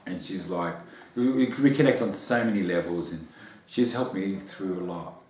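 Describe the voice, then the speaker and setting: A man's voice: low voice, normal speed, a little mellow, slight background noise. An Australian man being interviewed about his memoir, talking in a bubbly, earnest way with repeated words. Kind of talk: casual interview chat. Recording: roomy echo.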